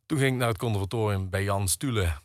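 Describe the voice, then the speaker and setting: A man's voice: fairly low pitch, fast talker, no echo. A middle-aged man, a percussionist and conductor talking hesitantly in an interview, full of fillers and restarts. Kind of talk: radio interview conversation.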